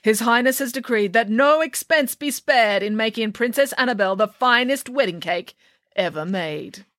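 A woman's voice: on the high side, moderate pace, fairly bright tone, no room sound, clean studio sound, voice pushed up, natural voice. Woman putting on a pompous royal herald. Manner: formal and pompous.

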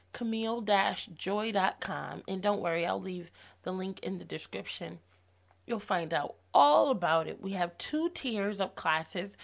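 Her voice hoarse and gravelly from losing it, a thirty-something woman hosting a faith-based podcast speaks upbeat, encouraging words to listeners. Her pitch is middle and her tone fairly bright.

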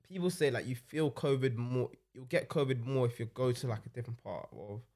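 Young male, London urban roadman accent, rapid slangy conversational storyteller, frequent "innit". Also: medium pitch, a little mellow. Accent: London-style urban British, roadman slang. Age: young adult. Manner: slangy, tags sentences with "innit". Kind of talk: casual chat, anecdotes.

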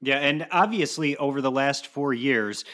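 A man co-hosting an interview, asking measured questions with a few restarts. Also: medium pitch, a bit bright. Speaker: interview co-host. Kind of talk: interview chat.

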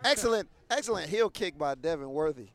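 A man calling live wrestling play-by-play, rattling off moves and bursting loud on the big spots. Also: fairly high pitch, expressive, a little fast.

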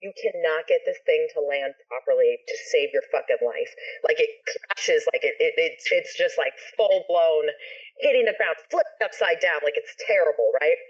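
Animated woman telling a story, lo-fi. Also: low voice, normal speed. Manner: animated, expressive, swears freely. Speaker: singer and guest. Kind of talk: casual storytelling in a podcast interview.

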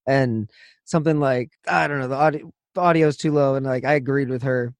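A man's voice: mid-range voice, brisk, dry recording. A man hosting a podcast who talks bluntly and swears freely in casual chat. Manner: blunt, profane, heated venting. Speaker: podcast host.

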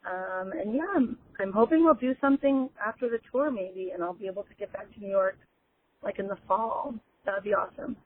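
A woman's voice: medium pitch, a little fast, a little hiss or hum. Woman leaving a chatty voicemail on a tinny phone line. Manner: chatty and excited, with frequent ums. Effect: leaving a voicemail over the phone. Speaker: listener calling in. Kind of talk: casual spoken voicemail.

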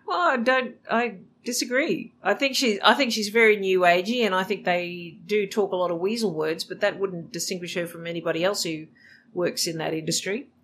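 A man's voice: high-pitched, normal speed, fairly bright tone, a little hiss or hum. A man co-hosting a podcast in casual chat who listens with short murmurs and pushes back skeptically. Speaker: podcast co-host.

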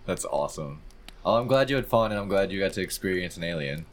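Laid-back young Michigan man, lively low voice. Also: fast. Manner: swearing, joking, laid-back. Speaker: podcast co-host. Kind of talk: casual podcast chat.

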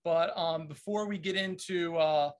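An American man hosting a casual interview, speaking haltingly and enthusiastically with surfer slang. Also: a little high. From United States. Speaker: show host.

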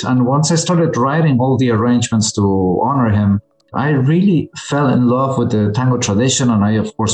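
A man in his forties from Argentina, a musician guest telling his story thoughtfully, with frequent pauses and fillers. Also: fairly low pitch, darkish tone, reverberant, poor audio. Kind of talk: interview conversation.

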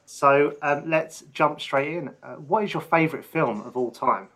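A man's voice: a little high, normal speed, fairly bright tone. A man hosting a casual interview, easygoing, often chuckling, with many fillers and restarts. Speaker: interview host.

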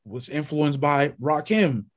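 A man's voice: on the high side, animated, slow pace. A man co-hosting a podcast in casual chat, rambling with many restarts and perking up when he lists names. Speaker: podcast co-host.

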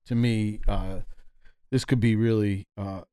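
A man's voice: lowish voice, steady tone, a little slow, warm tone, clean tone, dry recording, clean studio sound. A man co-hosting a casual podcast who rambles and keeps restarting his sentences. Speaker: podcast co-host.

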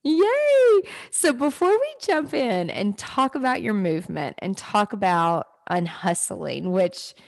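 A woman's voice: medium pitch, very animated, slow, gravelly, few pauses, darkish tone, dry recording. A woman hosting a podcast, enthusiastic and encouraging as she welcomes and questions her guest. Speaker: podcast host. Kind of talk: casual interview chat.

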